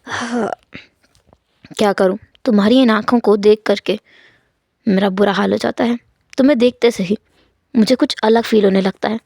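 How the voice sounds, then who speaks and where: A woman voicing a tender, devoted young husband who speaks gently and low, in a read-aloud fanfiction story. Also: fairly even intonation, normal speed, vocal fry, pauses often, dry recording, clean studio sound.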